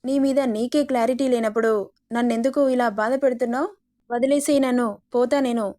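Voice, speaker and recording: A woman's voice: a little high, steady tone, a little fast, mellow, close to an everyday voice. A woman voicing a feisty young village girl in college, indignant and defiant in a story reading. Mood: irritated.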